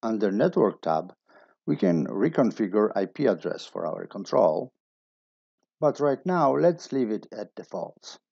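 Gravelly low-voiced man explaining steps. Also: unhurried, no echo, highs cut off. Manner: steady step-by-step explaining. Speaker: instructor. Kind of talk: technical tutorial voice-over.

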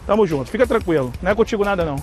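A man's voice: sits high, lively intonation, faint music behind. A man confronts a stranger on the street, pushy and insistent. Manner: pushy, insistent, rapid-fire. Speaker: prank participant confronting a stranger.

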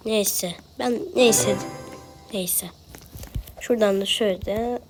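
A woman's voice: mid-range voice, fairly even intonation, slow pace, darkish tone, faint music behind. A woman with a Turkish accent, talking to herself and grumbling while she plays a video game. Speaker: gameplay streamer. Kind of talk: casual gaming commentary.

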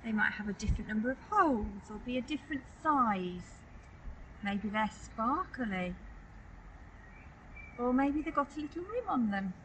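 A woman's voice: on the high side, animated. Woman leading a children's prayer outdoors. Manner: slow, clear and encouraging. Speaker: children's holiday club leader. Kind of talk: gentle guided prayer for children. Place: outdoors in a garden by a tent. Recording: distant mic with outdoor noise.

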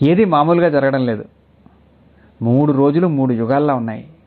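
A man narrating a written story in a measured, literary reading style. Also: mid-range voice. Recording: tinny phone-like audio.

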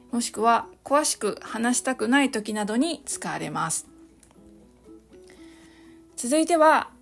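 Cheerful podcast teacher, woman, higher pitch, light music underneath. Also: creaky. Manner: cheerful, explains slowly, models English phrases. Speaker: English teacher, podcast host. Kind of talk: solo English lesson podcast.

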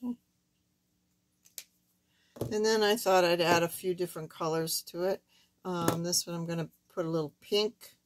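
Craft tutorial host: older woman, lowish pitch, thin squeaky voice with some hoarseness, casual and halting. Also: steady tone, background noise. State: hoarse while recovering from surgery. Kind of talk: casual card-making demonstration. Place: indoors at a wooden craft table, camera overhead.

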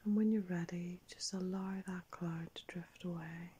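An older woman narrating a guided meditation like a sleep story, in a soft, breathy whisper, calm and unhurried with long pauses. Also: on the low side. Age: older, around 60s. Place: small indoor room.

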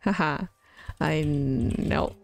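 Speaking very slowly in a low, gravelly voice, a young native Chinese speaker talks casually as she plays a game on stream. She restarts sentences and uses lots of fillers, while music plays faintly behind her.

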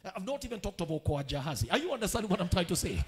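A man with a Kenyan accent preaching a sermon as pastor, swinging from quiet teaching to shouted declarations and calling for amen. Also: high-pitched, big pitch swings, racing.

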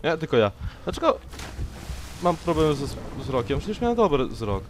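A man's voice: a little high, sing-song, fairly quick, background noise. A young man doing let's play commentary, sarcastically talking back to the enemies on screen. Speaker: gameplay commentator.

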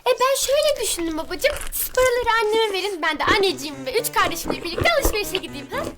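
A woman's voice: very high-pitched, animated, fast, loud music behind the voice. A female performer playing a crafty, wicked young daughter in a TV drama, sweet-talking and calculating. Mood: sly, sweet.

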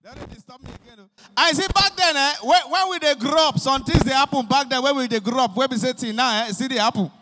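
A young man with a Nigerian accent doing animated stand-up comedy in Pidgin, acting out his characters, on a handheld mic on a concert stage. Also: extremely high pitch, quick pace, noisy background. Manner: animated storytelling, acting out police and pastors. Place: large concert stage with live audience. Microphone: handheld microphone. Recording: long reverb of a large hall.

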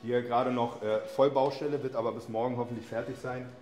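Music plays beneath this gym tour as the owner talks casually and colloquially through echoey, hall-like indoor rooms. He's a man with a medium-pitched, fairly even voice and a quick pace.

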